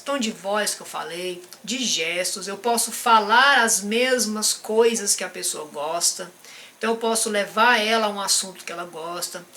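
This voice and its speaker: A man with a Brazilian Portuguese accent, a behavior and emotional intelligence coach giving a live-stream teaching talk. He speaks straight to the viewer and keeps checking in with a quick "tá?". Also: high voice, bright, forceful tone, a little hiss or hum.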